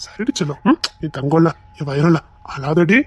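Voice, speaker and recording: A woman voicing a remorseful, tender young husband with a Tirunelveli Tamil accent, in a web-series drama. She pleads and repeats apologies quickly. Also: low-pitched, animated, a little mellow, slightly rough. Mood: soothing.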